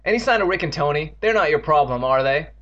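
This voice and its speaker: Man as a brisk, teasing storybook girl. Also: on the high side, lively intonation, fairly bright tone. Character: teasing, matter-of-fact young girl, the boy's friend. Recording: dull, muffled lo-fi sound.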